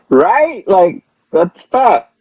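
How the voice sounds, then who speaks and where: A man's voice: high-pitched, breathy edge, dry recording. A man co-hosting a casual wrestling chat, laid-back and profane, heard through a thin, distant-sounding headset phone line. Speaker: podcast co-host. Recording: dull lo-fi phone-line audio.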